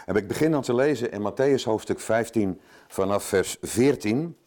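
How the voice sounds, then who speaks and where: Older male guest preacher, somewhat low voice, informal and self-joking from the pulpit. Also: animated, moderate pace, darkish tone. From Zeeland, Netherlands. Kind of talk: sermon.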